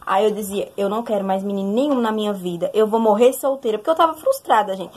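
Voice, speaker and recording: A young woman sharing a personal testimony in a casual, animated way, often turning to speak straight to her listeners. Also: medium pitch, fast, a little hiss or hum. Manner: animated, addresses listeners directly.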